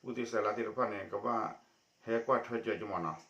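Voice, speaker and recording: A man delivers a news report in a bright, forceful voice with a steady pace. The sound is muffled and lo-fi, and it carries a noticeable room echo. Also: lowish voice, fairly quick. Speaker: news presenter. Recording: echoey dull lo-fi recording.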